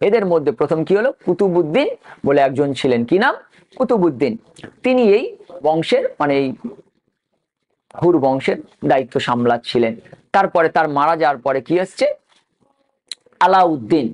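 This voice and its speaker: A man's voice: on the high side, lively intonation, moderate pace, long pauses, a little mellow. A male history teacher giving an exam-prep lecture, dictating names letter by letter and asking and answering his own questions.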